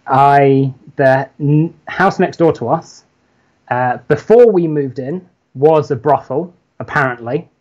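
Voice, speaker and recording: A man's voice: mid-range voice, slow, a little mellow, muffled recording. Hesitant young London man. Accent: London English. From London, England. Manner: hesitant, many ums, laid-back. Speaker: guest, comics writer. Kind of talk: casual chat.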